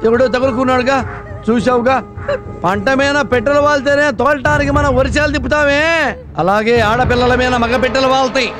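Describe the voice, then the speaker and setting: A man's voice: extremely high pitch, brisk, music in the background. An actor playing a bossy middle-aged husband and local politician who nags and lectures his wife, in a film comedy scene. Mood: lecturing. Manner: nagging, lecturing, mock-pleading. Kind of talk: Telugu film comedy acting. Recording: film soundtrack with background score.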